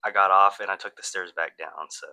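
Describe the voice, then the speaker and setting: A young-sounding man co-hosting a comedy podcast, his voice sitting a little low but strikingly bright and forward. He rambles playfully through silly hypotheticals in a loose, joking chat. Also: steady tone, a little fast. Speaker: podcast co-host.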